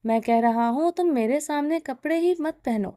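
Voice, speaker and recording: Storybook reading: woman voicing a taunting, domineering male mafia boss, high warm voice. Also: no room sound, clean studio sound, close to an everyday voice. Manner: taunting, commanding.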